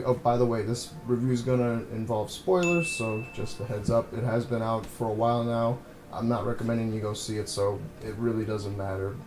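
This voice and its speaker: A man's voice: mid-range voice, a little mellow. A man hosting a casual movie review vlog, blunt and rambling with lots of "you know". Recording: echoey room, faint hum.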